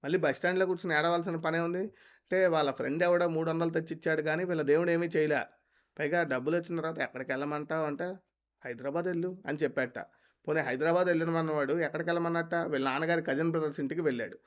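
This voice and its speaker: A man's voice: on the high side, fairly even intonation, fast talker. A man giving sarcastic, scornful commentary on a played clip. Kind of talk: mocking commentary. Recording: lo-fi dull sound.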